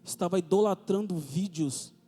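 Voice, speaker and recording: Fervent high-voiced preacher in a reverberant hall. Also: male voice, moderate pace, dark tone. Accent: Brazilian Portuguese. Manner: fervent, repetitive rhetorical questions. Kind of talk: sermon testimony. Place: church. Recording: reverberant church hall with music.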